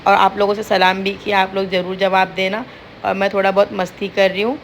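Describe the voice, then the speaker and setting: A woman's voice: medium pitch, little pitch movement, brisk, slight background noise. A young woman chatting to viewers in a casual home vlog, recorded indoors. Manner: chatty, addresses viewers directly. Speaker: vlogger.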